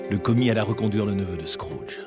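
A man narrating a story in a measured, expressive storytelling voice. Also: fairly low pitch, music in the background.

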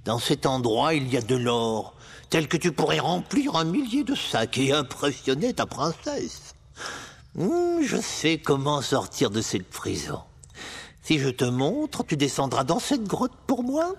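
A man's voice: a little high, wildly swooping pitch, measured pace, husky, full character voice. A man voicing a scheming evil vizier disguised as an old beggar, with a nasal, mean voice in a storybook reading. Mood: wheedling.

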